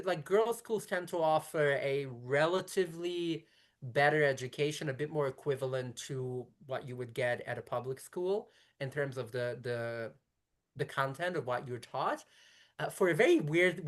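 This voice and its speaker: A Brooklyn, New York rabbi in her thirties, whose first language is Yiddish, speaks in a low voice as a guest in a conversational interview. She talks fast in long explanatory runs, often restarting and correcting herself mid-sentence.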